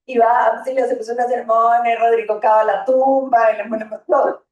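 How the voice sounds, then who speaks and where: A woman, giving a lively parenting talk to an audience and acting out the lines of children and parents. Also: on the high side, brisk, dull audio. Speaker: school talk speaker for parents. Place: hall or gym. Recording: echoey room, voice from far off.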